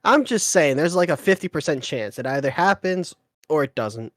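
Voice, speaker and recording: A man calling a live esports draft play-by-play, chatty and teasing as he banters with his co-caster. He often pauses on an "uh". The sound is close and dry, with no room around it. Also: fairly high pitch, lively intonation, fairly bright tone, no room sound.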